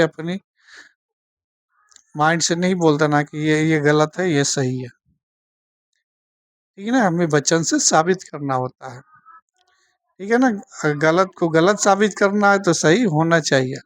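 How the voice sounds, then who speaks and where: A woman teaching a Bible study, speaking slowly and checking in with her listeners after almost every point. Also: sits low, no room sound, clean studio sound. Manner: slow, keeps asking "theek hai na?".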